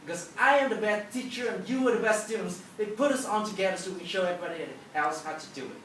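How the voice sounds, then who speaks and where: A woman's voice: medium pitch, quick pace. Echoey, emphatic woman giving a talk. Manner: emphatic storytelling, acting out dialogue. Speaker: public speaker, teacher. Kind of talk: motivational talk to a live audience. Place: large auditorium with an audience. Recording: echoey hall, distant, noisy.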